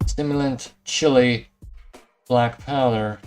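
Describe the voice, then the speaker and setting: Male let's play streamer, average pitch, musing casual commentary over light game music. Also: steady tone, takes it slowly. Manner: hesitant, musing. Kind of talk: casual gameplay commentary, thinking aloud. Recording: faint game music behind.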